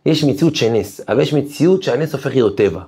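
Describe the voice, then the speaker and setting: A man's voice: medium pitch, expressive, darkish tone, breathy edge. A man, a rabbi, giving an emphatic Torah lesson. He tells stories, asks his listeners rhetorical questions and builds to fervent peaks. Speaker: rabbi teaching a weekly class. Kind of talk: Torah lesson with sermon-like exhortation.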